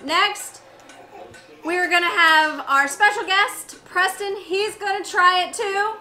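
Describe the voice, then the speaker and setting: A woman's voice: very high voice, steady tone, slow pace, pushed and bright. A woman in her thirties casually hosting a family challenge video, recorded across a table at home. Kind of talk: casual vlog chat. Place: home dining room. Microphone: camera across the table.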